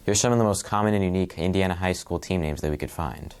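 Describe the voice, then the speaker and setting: A male student presenter reading a scripted segment in an even, measured way. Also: low voice, clear, resonant tone. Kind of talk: scripted narration.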